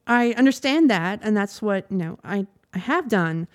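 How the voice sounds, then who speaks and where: A woman's voice: mid-range voice, animated, normal speed, dry recording, clean studio sound. A young woman hosting a casual podcast, telling a story in a chatty, rambling way with frequent laughs. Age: young adult. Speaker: podcast host. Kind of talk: casual monologue.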